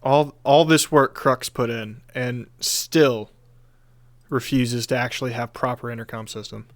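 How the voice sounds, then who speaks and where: A man's voice: medium pitch, fairly even intonation, unhurried, no echo. A man narrating as game master of a tabletop game in casual chat, laughing often.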